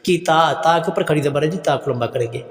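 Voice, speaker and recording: A male Quran teacher with a fairly high voice leads a lesson. He stretches verses into slow chanted lines, then breaks them down in brisk, matter-of-fact explanation. His voice rings in a long hall reverb over faint music. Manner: slow chanted recitation alternating with quick explanations. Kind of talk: recitation lesson.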